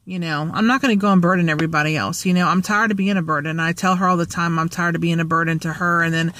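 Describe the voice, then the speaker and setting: Holding her phone at arm's length in a parked car, a woman vlogs in a rambling, joking manner packed with fillers. Her pitch is fairly low and her tone steady and fairly bright, and she moves at a quick pace.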